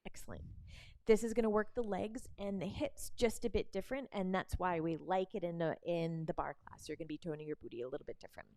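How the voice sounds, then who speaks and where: A woman instructor explaining barre moves and cueing a demonstrator, encouraging and quick to laugh. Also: fairly low pitch, warm tone, no room sound.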